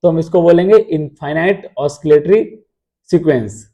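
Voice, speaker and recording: A man's voice: on the high side, moderate pace, warm tone. A man teaching math in an explanatory lecture, asking rhetorical questions and answering them himself.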